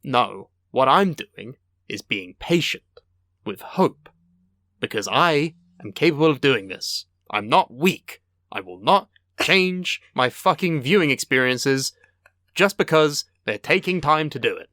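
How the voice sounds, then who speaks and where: Male co-host; sarcastic ranter, animated delivery, dry mic. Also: medium pitch, unhurried, no echo. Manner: sarcastic, swears a lot, mock-dramatic rants. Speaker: podcast co-host. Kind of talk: casual banter.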